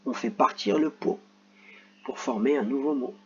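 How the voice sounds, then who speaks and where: A man's voice: medium pitch, lively intonation, normal speed, creaky, fairly bright tone, slightly rough, lo-fi sound. A man teacher explaining reading worksheets to children, with playful joking asides.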